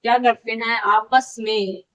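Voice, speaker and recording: A woman's voice: a little high, steady tone, a little slow. A woman teaching a physics lesson, who repeats key phrases and asks and answers her own questions. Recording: dull lo-fi sound.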